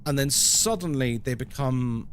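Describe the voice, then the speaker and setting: A man's voice: medium pitch, a little slow, slight background noise. A man chatting casually as a live game streamer, with playful, tongue-in-cheek banter and commentary for his viewers.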